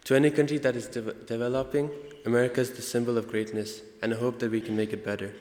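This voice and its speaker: At a convocation, a young student speaker with an Indian accent gives a prepared speech in a mid-range, darkish voice with little pitch movement. He's earnest, occasionally stopping to fix his wording, and the big indoor hall adds long, echoing reverb.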